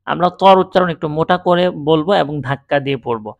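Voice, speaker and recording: A man's voice: fairly high pitch, brisk, vocal fry, no room sound. A man teaching Quran reading step by step, patiently sounding out each letter with firm stress. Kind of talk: step-by-step recitation lesson.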